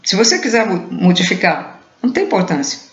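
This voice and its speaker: A woman giving an unhurried spiritual talk, musing aloud and often trailing off with a questioning "né". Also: mid-range voice, big pitch swings. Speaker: spiritual teacher. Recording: roomy, dull lo-fi recording.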